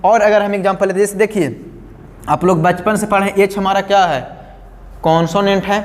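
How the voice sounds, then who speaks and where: A man's voice: high-pitched, fairly even intonation, moderate pace. A male teacher, giving a grammar lesson step by step and often asking his students questions. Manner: explains step by step, repeats key words, asks the class questions. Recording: long hall reverb.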